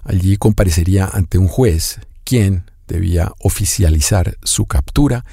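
A man narrating a documentary in a measured, grave way and also putting questions to the interviewee. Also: low-pitched, creaky, dark tone, breathy edge, no room sound, studio quality.

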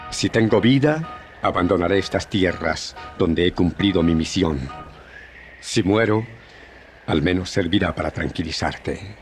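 An actor playing a noble, fearless, serene hero in a radio adventure serial, solemn and declamatory. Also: male voice, low-pitched, measured pace, soft background music. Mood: tender, solemn.

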